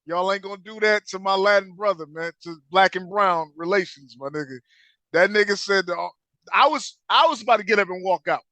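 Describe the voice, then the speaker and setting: A man co-hosts a podcast, ranting loudly and profanely in animated slang. His voice sits high and bright, recorded close and dry with no room around it. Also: brisk, no room sound. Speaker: podcast co-host. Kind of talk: casual podcast banter.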